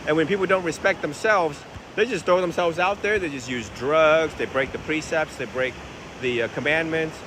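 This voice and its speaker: A man from Vietnam, a Buddhist monk, answering viewers' questions in a relaxed, conversational way outdoors by the ocean, recorded on a phone. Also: on the high side, normal speed. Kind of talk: casual outdoor Q&A talk. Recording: phone recording with wind and surf noise. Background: ocean waves and wind.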